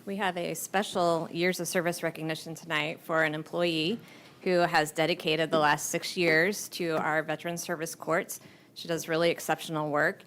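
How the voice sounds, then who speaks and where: A woman's voice: deep voice, flat delivery, moderate pace, fairly bright tone, a little hiss or hum. A woman giving an informal recognition speech as a human resources director at a public meeting. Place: government meeting room. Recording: public meeting room with people murmuring.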